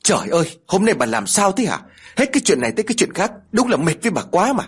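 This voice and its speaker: Storybook figure: man voicing a cranky elderly husband, quick, sharp and loud. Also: sits high, sing-song, slightly rough, voice pushed up, heavily acted. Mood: scolding. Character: irritable older village husband, gruff.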